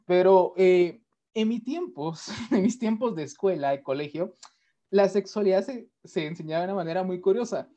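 A man's voice: high voice, normal speed, mellow. A man hosting a casual panel chat, rambling along with many fillers and restarts. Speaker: host. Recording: dull lo-fi sound.

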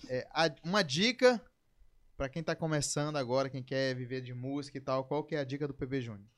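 A man's voice: mid-range voice, a little fast. A man hosting a casual podcast and bantering and joking with his guests. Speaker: podcast host.

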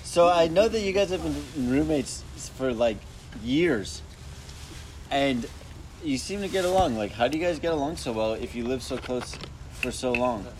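A man's voice: mid-range voice, expressive, normal speed, darkish tone, slight background noise, close to an everyday voice, poor audio. A man voicing a friendly male caller phoning in to a podcast, a longtime fan who asks a curious question.

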